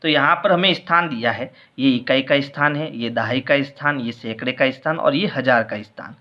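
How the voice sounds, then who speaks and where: A male maths teacher walks through a worksheet lesson at an even, middle pitch. He explains patiently, one step at a time, and repeats each answer. The recording sounds a little dull and lo-fi. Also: normal speed.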